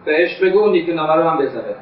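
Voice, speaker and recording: An actor playing a volatile young son who threatens someone who has been spying on him, in a radio drama. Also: male voice, on the high side, animated, lightly acted. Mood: recounting. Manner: tense, threatening. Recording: echoey, distant, dull lo-fi sound.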